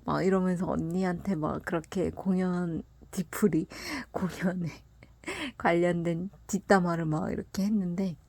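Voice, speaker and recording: A woman telling a personal story in a casual, soft, half-whispered way, often breaking into laughs. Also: medium pitch, no room sound. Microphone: close mic, voice only.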